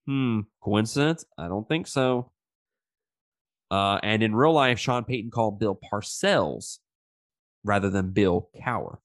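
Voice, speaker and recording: A man's voice: lowish voice, measured pace, no room sound, clean studio sound. A man hosting a movie review podcast in casual, profane slang, with a stuffed-up, pinched-nose nasal sound from a sinus infection. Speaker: podcast host.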